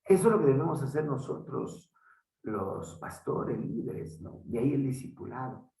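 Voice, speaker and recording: A man teaching as a pastor in an unhurried, halting way, often tagging his points with a questioning aside. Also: medium pitch, expressive, gravelly, warm tone, distant mic. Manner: unhurried, halting, frequent "¿no?" tags. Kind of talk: Bible teaching talk. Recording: echoey room, voice from off-mic.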